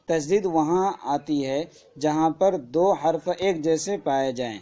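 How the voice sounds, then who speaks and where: Man teacher, Kashmiri Urdu accent, slow letter-by-letter spelling drills, slightly high voice. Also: dark tone. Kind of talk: Urdu alphabet lesson for children.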